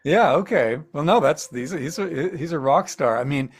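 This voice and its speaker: A man's voice: on the high side, expressive, normal speed, husky. A singer-songwriter and music professor, a man, talking casually in an interview and acting out his own thoughts in quotes. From central Ohio.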